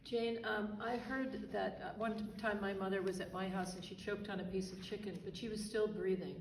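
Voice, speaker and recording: A woman's voice: mid-range voice, fairly even intonation, moderate pace. Distant, echoey woman in a class. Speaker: class participant. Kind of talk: halting spoken question with an anecdote. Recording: distant echoey pickup, faint noise.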